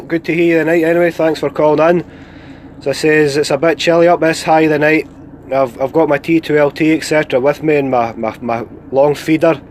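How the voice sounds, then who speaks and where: A man's voice: mid-range voice, a little mellow. A Scottish man running a CB radio net, chatting casually and easily, with call signs and colloquial phrasing. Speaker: amateur CB radio net controller. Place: parked van outdoors. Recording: CB radio transmission with background hiss.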